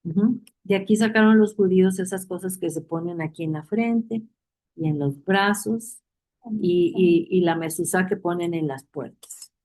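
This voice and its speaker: A woman's voice: fairly low pitch, moderate pace, darkish tone, rough recording. A woman leading a Bible study class, reading verses aloud, repeating key phrases and putting questions to her listeners. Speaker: Bible teacher.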